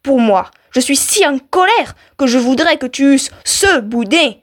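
A woman's voice: extremely high pitch, normal speed, a bit bright, voice pushed up. Casting: a woman playing a flustered, stammering peasant husband in a radio folk tale. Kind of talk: storytelling for radio.

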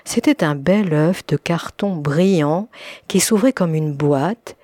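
A woman narrating an audiobook story with expressive, lively storytelling. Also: low-pitched, slow pace, dry recording, studio quality. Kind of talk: audiobook reading.

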